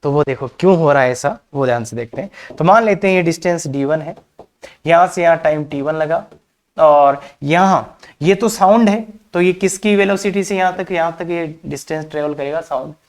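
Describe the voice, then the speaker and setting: A man's voice: fairly high pitch, normal speed. A male maths teacher giving a classroom lecture. He talks in a chatty way, slips English terms into his speech and keeps calling his students kids. He throws out rhetorical questions as he works through each step. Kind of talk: classroom lecture on coordinate geometry.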